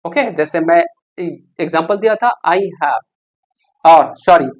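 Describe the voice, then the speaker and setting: Teacher voice, patient classroom explainer, medium pitch, hesitant fillers. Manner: explanatory, asks rhetorical questions, frequent "है ना?" checks. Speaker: English teacher. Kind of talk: classroom-style grammar lesson.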